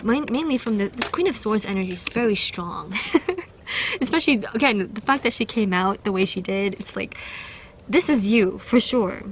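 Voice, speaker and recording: A woman's voice: medium pitch, expressive, moderate pace, slight background noise. A young woman giving a casual pick-a-card tarot reading, chatty and giggly, with many fillers and restarts. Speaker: tarot reader.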